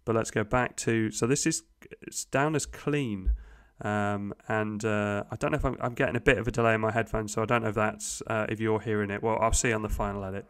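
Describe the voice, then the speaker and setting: A man's voice: on the low side, steady tone, brisk, fairly bright tone, clean tone. A man hosting a casual gear review at his home desk, rambling with many uhs and restarts, into a USB podcast mic. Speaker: tech video host. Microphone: USB podcast microphone.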